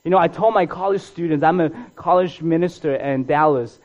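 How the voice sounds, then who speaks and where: A man preaching a sermon, his voice sitting a little high and his carrying a sound. He drives points home with impassioned runs of single words. The recording is a bit dull and muffled. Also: a little fast. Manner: impassioned preaching in emphatic word lists. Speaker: college minister. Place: church hall.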